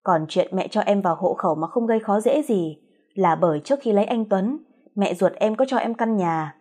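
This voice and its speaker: Lady doing a sarcastic young wife in a story, husky, calm and cutting. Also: mid-range voice, fairly quick, natural voice. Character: cool sharp-tongued young wife.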